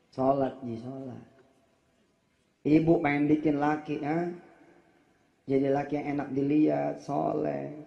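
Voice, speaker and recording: A man giving a lively, jokey sermon in slangy talk, acting out the people he quotes. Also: on the high side, gravelly. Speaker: preacher. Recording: roomy, dull lo-fi recording.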